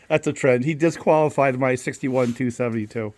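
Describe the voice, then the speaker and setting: Man in casual banter, medium pitch. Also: moderate pace, darkish tone. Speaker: fellow chainsaw hobbyist and co-host.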